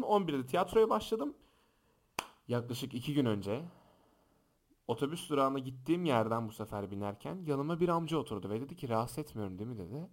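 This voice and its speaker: A young man hosting a podcast, telling funny stories and acting out the shouting people in them. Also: medium pitch. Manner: animated, acts out quoted shouts and voices. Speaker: podcast host. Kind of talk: casual podcast storytelling. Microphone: close podcast microphone.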